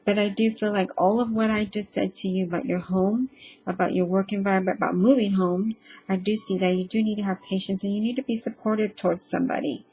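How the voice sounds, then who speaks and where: Halting, earnest woman reading tarot. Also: medium pitch, steady tone, dark tone, a little hiss or hum, low-quality recording. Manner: hesitant and halting, with frequent ums and self-repeats; earnest and reassuring, addressing the listener directly. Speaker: tarot reader. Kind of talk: casual spoken tarot reading.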